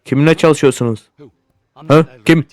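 A man narrates his gameplay in loose, casual commentary, swearing freely and flaring into excitable shouts at whatever happens on screen. His voice sits a little high and stays smooth and clean throughout. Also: normal speed. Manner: profane, excitable, often yelling at the game. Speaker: gaming YouTuber.

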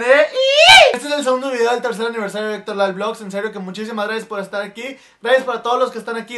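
A Mexican man telling jokes in a vlog, animated and full of crude slang. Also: extremely high pitch. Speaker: vlogger. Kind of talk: joke-telling comedy vlog.

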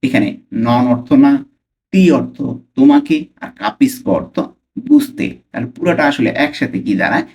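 Man, Bangladeshi accent, Bengali speaker, language teacher, slow careful repetition. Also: mid-range voice, expressive, darkish tone. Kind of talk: Italian lesson for Bengali speakers.

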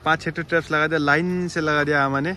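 Young male co-host, relaxed, explanatory, somewhat raised pitch, phone-recorded outside. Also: fast talker, low-quality recording. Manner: relaxed, explaining things to viewers. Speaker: co-vlogger. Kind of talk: casual travel vlog talk. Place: outdoors by a river, rainy. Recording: phone audio with faint outdoor noise.

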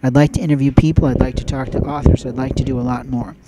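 A man's voice: mid-range voice, little pitch movement, fast, very noisy. A man hosting his own audio show, giving an emphatic, preachy monologue with lots of repeated phrases. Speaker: podcast host. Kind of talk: spoken opinion monologue.

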